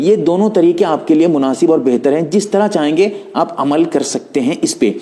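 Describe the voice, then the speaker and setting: A man with a slightly raised pitch teaches prayer step by step. He is patient and explanatory, demonstrating each movement while he talks it through. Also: warm tone. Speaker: religious teacher.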